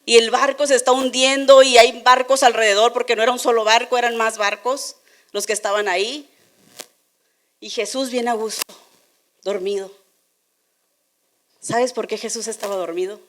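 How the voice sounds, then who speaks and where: A woman from Tijuana with a northern Mexican accent, telling a Bible story to a young congregation in a playful, animated way, with many rhetorical questions. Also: on the high side, a little fast. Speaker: children's church teacher. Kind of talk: lively Bible lesson sermon.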